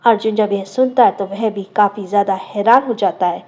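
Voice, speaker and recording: A woman narrating a scripted audio drama as a storyteller, in a steady, dramatic manner. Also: medium pitch, fairly quick.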